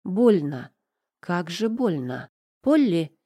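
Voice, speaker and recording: A woman's voice: fairly low pitch, moderate pace, dark tone, no room sound, studio quality. A woman narrating a first-person audiobook with emotional, tearful delivery.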